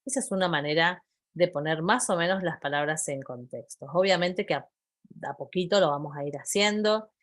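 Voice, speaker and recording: A woman's voice: lowish voice, normal speed. A woman teaching English vocabulary, patiently repeating phrases and checking in with her students. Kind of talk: explaining vocabulary to a class.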